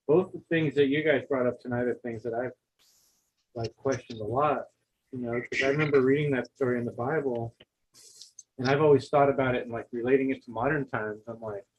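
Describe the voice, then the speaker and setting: A man's voice: mid-range voice, husky, low-quality recording. A man in casual chat, thinking aloud and musing with questions.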